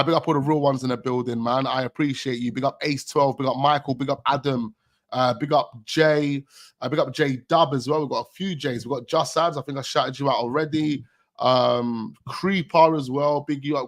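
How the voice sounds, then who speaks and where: A man hosting a live stream, chatting in loose slang and breaking into laughter. His pitch sits in the middle, neither deep nor high, and his delivery stays playful and offhand. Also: fairly even intonation, moderate pace. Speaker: host of a fan channel stream. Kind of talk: casual live-stream chat.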